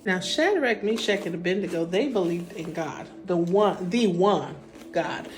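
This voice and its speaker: A woman's voice: on the low side, measured pace, soft background music. Chatty young woman retelling a Bible story. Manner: chatty, colloquial, animated emphasis. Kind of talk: casual storytelling while doing makeup.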